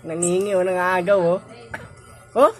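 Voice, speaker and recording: A woman's voice: on the low side, steady tone, measured pace, faint music behind. A young woman filming her pet at home, teasing it in playful baby talk and laughing often. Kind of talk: playful home video narration.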